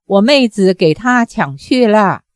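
Hot-tempered proud young woman scolding, read by a woman at a slow pace. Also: mid-range voice, expressive, no echo, clean studio sound, close to an everyday voice. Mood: indignant.

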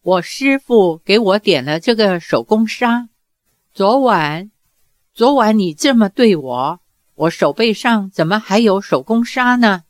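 Brief: soft, trembling young swordswoman, read by a woman, slow and unhurried, dry close sound. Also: mid-range voice, lively intonation, no room sound, close to an everyday voice. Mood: tender. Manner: soft, tremulous, reproachful. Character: aloof, emotional young swordswoman mistress. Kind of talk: audiobook character reading.

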